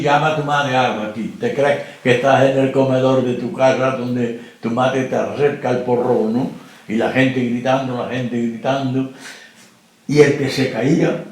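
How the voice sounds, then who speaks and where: A very old man from Spain gives blunt documentary testimony in a middle-pitched voice, often stopping to ask whether the listener understands. His voice rings out in a strongly echoing room. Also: darkish tone. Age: older. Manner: plain-spoken, keeps asking if the listener understands. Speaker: interviewee. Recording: very echoey room.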